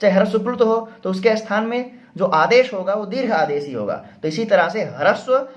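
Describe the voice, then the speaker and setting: A man teaching Sanskrit grammar, repeating each term slowly and asking and answering his own questions. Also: high voice, animated, dull audio. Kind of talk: explanatory grammar lesson.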